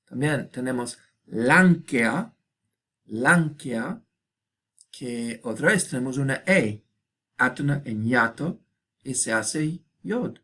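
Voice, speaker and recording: A man giving a recorded lecture, slowly repeating each example word and asking listeners quick check questions. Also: medium pitch, lively intonation, pushed and bright. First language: Spanish.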